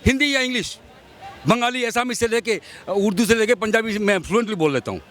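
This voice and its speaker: A man's voice: high-pitched, a little fast, fairly bright tone. A man in his fifties from Assam, arguing his views insistently in a street interview outdoors. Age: 50s. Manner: argumentative, insistent, lecturing.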